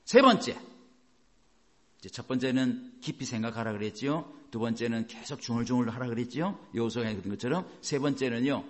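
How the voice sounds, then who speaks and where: A man's voice: mid-range voice, brisk. A man pastor preaching a sermon, emphatic and asking the congregation rhetorical questions.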